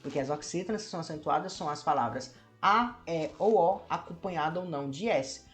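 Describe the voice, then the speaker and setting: A man's voice: on the high side, expressive, brisk, a bit bright, soft background music. A man with a Brazilian Portuguese accent, a teacher explaining a lesson to camera and asking many rhetorical questions. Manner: asks many rhetorical questions and addresses viewers as "meu povo".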